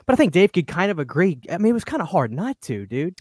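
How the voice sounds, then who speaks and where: Podcast co-host, male, somewhat high voice, dry sound; easygoing, slangy, lots of fillers. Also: big pitch swings, fast talker, darkish tone, no echo. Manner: loose and casual, slangy, with filler words. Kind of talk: casual podcast chat.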